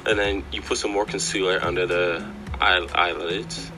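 Guy w kinda low voice guessing his way thru makeup steps, confused, music behind. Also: fairly even intonation, moderate pace. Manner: puzzled, questioning. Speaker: guest voice-over commentator. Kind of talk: casual running commentary on a makeup routine. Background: background music.

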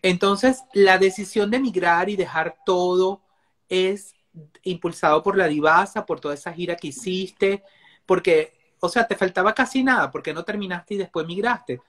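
A man hosting an interview, asking questions in a slow, drawn-out way. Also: high voice, a bit bright. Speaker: interview host. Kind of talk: casual interview chat.

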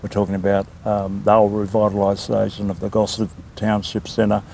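An older man from New South Wales, Australia, chairman of a land council, is the guest in a relaxed, casual interview. His low, gravelly voice goes on at length in an easy, unhurried, talkative way, often pausing on an "um." Faint outdoor hiss sits in the background.

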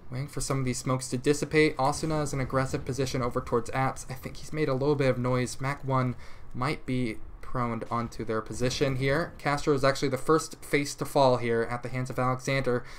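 A man casting a competitive shooter match alone, giving rapid play-by-play that jumps up in pitch and volume at big plays and corrects himself as he goes. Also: fairly even intonation, a little hiss or hum. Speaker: esports caster. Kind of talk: live esports play-by-play commentary.

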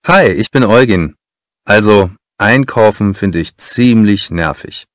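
A man's voice: on the low side, animated, slow, dry recording, clean studio sound. A man playing a thrifty, competitive bargain hunter in a casual, chatty scripted monologue. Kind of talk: scripted first-person monologue.

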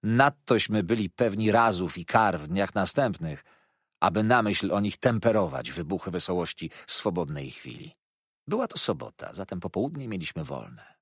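Expressive, low-voiced male audiobook narrator. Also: moderate pace, husky, no echo, clean studio sound. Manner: expressive, dramatic storytelling.

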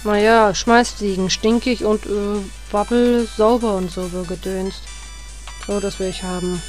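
A woman's voice: mid-range voice, fairly even intonation, unhurried, a little mellow. A woman in her thirties talking chattily through a video game, reminiscing and cursing at the game. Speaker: let's player. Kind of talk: casual gameplay commentary. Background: faint game music.

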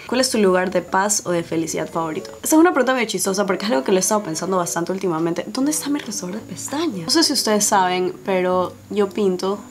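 A woman's voice: medium pitch, expressive, fast talker. Chatty young woman from Guayaquil. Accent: Guayaquil Spanish. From Ecuador. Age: 20s. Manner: chatty, laughs often, filler-heavy. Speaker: beauty YouTuber. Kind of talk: casual Q&A chat while doing makeup. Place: small indoor room before a dark backdrop. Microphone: camera on tripod at head-and-shoulders framing.

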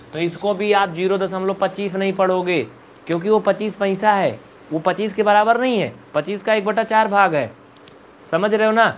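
A man's voice: sits high, slight background noise. A man teaching a live online maths class, repeating questions and scolding his students. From India.

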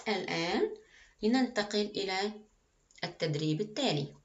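A woman teaching a primary school Arabic lesson, speaking slowly and clearly and often praising the children. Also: mid-range voice, animated, highs cut off. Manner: slow, clear, encouraging teacher talk with frequent praise. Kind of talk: recorded classroom lesson.

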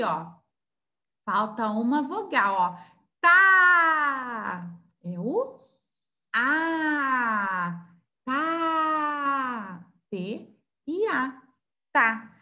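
A woman with a Brazilian accent gives a recorded lesson to small children. Her voice sits fairly high and she speaks very slowly. She sounds out each syllable with care. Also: sharp tone. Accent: Brazilian Portuguese. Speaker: preschool teacher.

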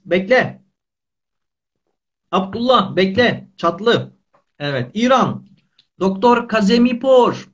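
A man in his thirties with a high voice hosts a casual online language lesson. He keeps his phrases short and simple and repeats them. The livestream sound is dull and lo-fi. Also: a bit bright. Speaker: Turkish teacher and live host. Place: small indoor room.

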